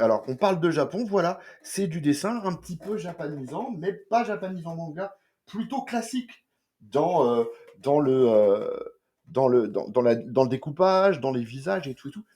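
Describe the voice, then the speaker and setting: A French man talks through a few comic books in a loose, slangy way, stumbling over restarts and fillers. His voice sits at a middle pitch but swings widely up and down as he gets carried away. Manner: lively, slangy and full of restarts. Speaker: comics reviewer. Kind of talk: casual spoken review.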